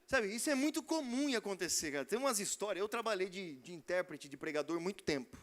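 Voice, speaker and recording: A male preacher tells a story to his church in a lively, slangy way. His voice sits high and bright. He talks fast and keeps the energy up.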